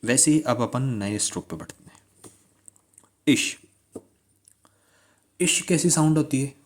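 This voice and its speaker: A man's voice: mid-range voice, animated, slow pace. A man teaching shorthand strokes, repeating key words and asking listeners to pronounce along. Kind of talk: classroom-style tutorial.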